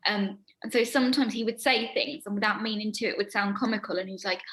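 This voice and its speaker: A young actress telling backstage stories in an interview, rambling with lots of ums and hesitations. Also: female voice, fast talker, a bit bright. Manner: rambling with many ums, acts out quoted lines in a high voice. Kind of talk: casual anecdote-telling.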